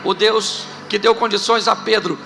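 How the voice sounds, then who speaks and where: In a church hall, a middle-aged pastor from Rio de Janeiro, Brazil preaches in Carioca Portuguese, using playful stories and rhetorical questions to engage the congregation in a funny live sermon. He keeps a steady tone and moderate pace in a high, sharp voice with vocal fry, faint music behind him.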